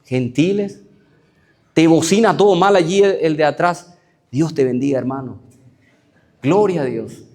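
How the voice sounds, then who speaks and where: A man's voice: a little high, a little slow, pauses often, a little mellow. A man with a Paraguayan Spanish accent, a pastor preaching a conversational sermon full of rhetorical questions.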